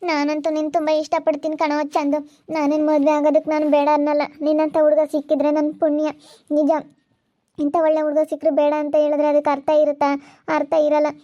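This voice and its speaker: A woman's voice: high voice, completely flat delivery, fast, dark tone, close to an everyday voice. A woman playing sorrowful jilted young woman. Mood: heartfelt. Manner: heartfelt pleading talk. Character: wronged young village woman, grateful and sorrowful. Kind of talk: amateur village skit acting. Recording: dull lo-fi sound.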